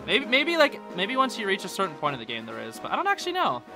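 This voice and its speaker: A young man hosting a game channel, narrating his play in excitable, slangy commentary from a home room at night into a close mic. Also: sits high, fast, over music. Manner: excitable, slangy, bursts into yelling. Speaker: gaming channel host. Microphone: close desk mic.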